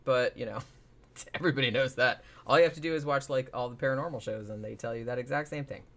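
A man's voice: medium pitch, fast, sharp tone. A man casually retelling a paranormal TV episode as a podcast host, rambling with lots of fillers and swearing.

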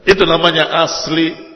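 A man preaching a sermon to married women, lively and emphatic, sometimes chanting Arabic passages in a sung tone. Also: a little high, highs cut off. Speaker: Islamic preacher. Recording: echoey hall reverb.

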